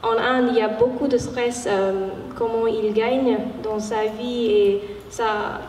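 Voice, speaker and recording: Young woman w foreign accent in french, highish voice, searching for words, echoey hall. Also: steady tone, takes it slowly, darkish tone. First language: not French. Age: young adult. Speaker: panel speaker. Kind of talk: unscripted panel talk. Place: large warehouse hall with seated audience. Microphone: handheld microphone. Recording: echoey hall, distant, background noise.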